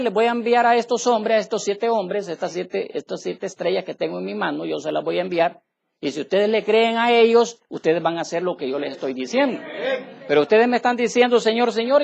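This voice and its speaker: A man's voice: high-pitched, vocal fry, a little mellow, dull audio. A male preacher giving an emphatic sermon in a church. He keeps turning to his listeners to check that they follow him. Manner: emphatic, asks listeners "¿me entiende, hermano?". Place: church tabernacle.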